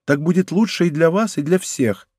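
A man's voice: on the high side, normal speed, darkish tone, no echo, studio quality, natural voice. A man voicing a proud young princess in an audiobook, pleading and slightly mocking. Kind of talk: audiobook character reading.

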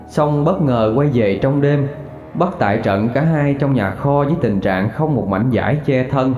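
A man narrating a ghost story in steady scripted storytelling. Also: mid-range voice. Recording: roomy, dull recording with faint music.

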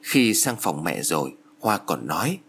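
A man's voice: low voice, big pitch swings, unhurried, gravelly, a bit bright, a little hiss or hum. A man narrating a spooky audiobook with dramatic storytelling.

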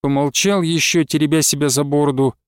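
A man narrating literary prose in a measured, steady audiobook reading. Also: a little high, clear, resonant tone, no echo, clean studio sound.

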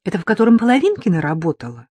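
A woman's voice: medium pitch, big pitch swings, very fast, a little mellow, husky, dry recording, pitched above the performer's own voice. A woman voicing an earnest, persistent young woman journalist in an audiobook.

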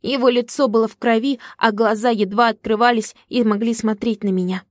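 A woman's voice: on the high side, steady tone, fairly quick, no echo, studio quality. A woman narrating a story in the first person, with emotional storytelling. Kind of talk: audiobook narration.

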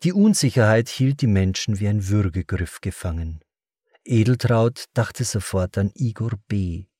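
A man reads a novel aloud in a measured and dramatic way. His voice is fairly low and husky. The recording is close and dry, with no room sound. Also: lively intonation, mellow, dry recording. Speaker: audiobook narrator. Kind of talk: scripted narration.

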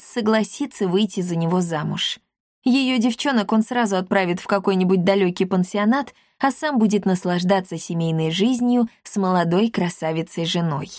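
A woman narrating a story for an audiobook in a steady, expressive storytelling manner. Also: mid-range voice, dry recording, studio quality.

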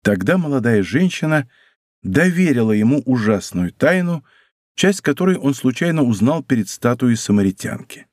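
A man narrating a classic adventure novel as an audiobook in a measured, expressive way. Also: mid-range voice, no echo, clean studio sound.

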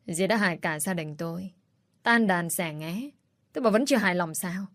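A woman's voice: lowish voice, expressive, normal speed, a bit bright, no echo. A woman voicing a determined young man who confronts his stepmother in a cold, accusing tone in a read-aloud story.

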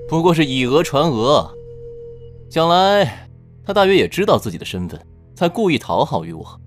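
A man playing a haughty, condescending young gentleman suitor in an audiobook drama. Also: fairly high pitch, sing-song, normal speed. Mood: smug, condescending. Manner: haughty, self-satisfied. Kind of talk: Chinese audiobook drama acting. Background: background music.

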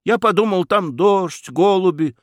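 A man voicing a naive, excitable young nobleman who talks in a flustered, wondering way. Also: high voice, unhurried, no room sound, clean studio sound, pitched above the performer's own voice. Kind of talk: audiobook character voice.

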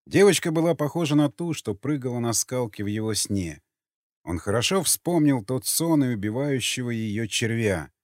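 A man reading an audiobook in a measured, somber narration. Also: medium pitch, dry recording, studio quality. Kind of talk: scripted narration.

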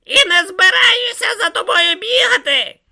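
A reader voicing a tiny petulant tortoise god who whines, yells and snaps sarcastically in an audiobook. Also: lively intonation, normal speed, exaggerated voice. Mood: shrieking tantrum. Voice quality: shrill, whiny, yelling. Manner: shrieking tantrums and sarcastic retorts. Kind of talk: audiobook character voice.

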